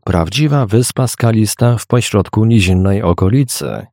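A man's voice: fairly low pitch, dry recording, studio quality. A man voicing a wary young painter. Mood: guarded. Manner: polite, measured, quietly cautious.

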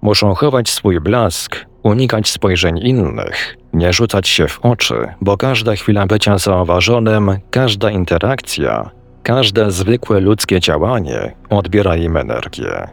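A man reading the lines of a calm, wise old male sorcerer teacher, measured and gently amused. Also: low-pitched, gravelly, full character voice.

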